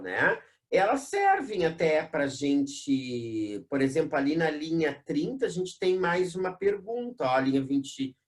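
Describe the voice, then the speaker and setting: A teacher with a Brazilian accent runs an exam-prep class in a classroom with a board. The voice sits at a middle height but swings up and down a great deal. Key terms get drawn out slowly, and nearly every sentence ends in a quick tag question. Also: medium pitch.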